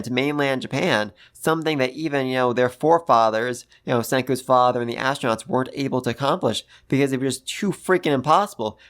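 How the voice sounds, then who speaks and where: A man talking through an anime episode in an easy, casual review. He gushes with excitement, peppers his talk with mild swearing, and leans on fillers as he goes. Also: medium pitch. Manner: enthusiastic and gushing, casual swearing, many fillers.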